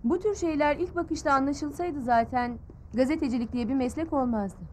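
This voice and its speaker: Woman as a cool-headed young reporter, high clear voice, talks it through calmly. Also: a little hiss or hum, natural voice. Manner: calm, explanatory, measured. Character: composed young woman journalist. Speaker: journalist.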